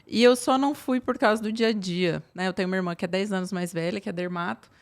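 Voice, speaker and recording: A woman, a psychiatrist telling her story in a relaxed, chatty way with many fillers. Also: medium pitch, fast. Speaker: psychiatrist guest. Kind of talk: casual interview talk.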